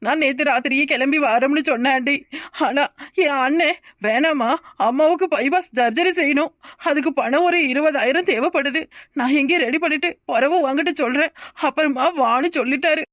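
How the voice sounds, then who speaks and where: A whining young daughter-in-law, voiced by a woman, pleading with tearful sobs in a cartoon. Her voice is high and dry. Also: a little fast, fairly bright tone, no echo. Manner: tearful pleading, repeats "aunty". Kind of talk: cartoon voice acting.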